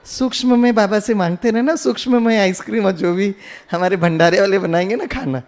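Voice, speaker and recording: A man gives a spiritual talk in a brisk, high-pitched voice. He tells a story, puts questions to the audience, and slips in English phrases.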